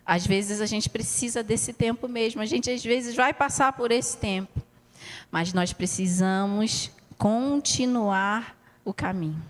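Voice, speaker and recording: A woman's voice: mid-range voice, in a large hall. A woman pastor giving a heartfelt sermon, telling her own story with frequent asides to the congregation. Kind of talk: sermon with personal testimony. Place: church hall.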